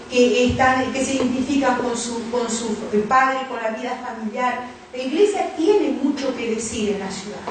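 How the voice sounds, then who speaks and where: A woman pastor delivers a storytelling sermon, slipping into the voices of the people she quotes. Her voice sits high and carries through a very echoey church hall, picked up from a distance with a faint hiss underneath.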